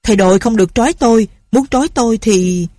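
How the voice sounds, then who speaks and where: A woman's voice: medium pitch, fast talker, dark tone, no room sound, studio quality, close to an everyday voice. A woman voicing a frightened older village man who pleads and protests in a raised voice. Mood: pleading. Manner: pleading, plaintive.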